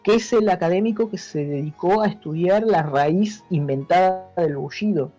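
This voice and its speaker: Mellow and high-voiced, this Argentine interview guest talks at normal speed in an Argentine Spanish accent. He explains things in an informal, teacherly way, using brief tag questions to check he's understood, while music plays behind the dull lo-fi audio.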